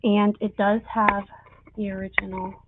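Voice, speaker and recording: A woman's voice: mid-range voice, level tone, moderate pace, noisy background. A woman working as an auctioneer on a live online sale, presenting items and calling bids. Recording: tinny phone-like sound.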